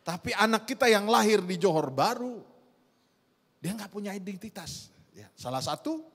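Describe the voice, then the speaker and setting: A middle-aged man, preaching a sermon in a lively storytelling way and often addressing the congregation directly. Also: high-pitched, normal speed, vocal fry, slightly rough. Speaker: pastor. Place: church hall. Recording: long church hall reverb.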